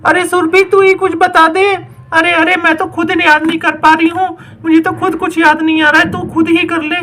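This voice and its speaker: A woman's voice: very high voice, little pitch movement, moderate pace, a bit bright. A woman voicing a panicky young schoolgirl. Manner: anxious, pleading, praying aloud. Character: panicky young schoolgirl doll fretting over exam. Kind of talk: doll story role-play.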